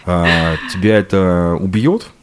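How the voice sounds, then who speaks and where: A man with a very deep voice hosts a radio interview in a studio. He asks playful, teasing questions. His delivery stays relaxed and conversational. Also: takes it slowly, over a noisy crowd. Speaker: radio host.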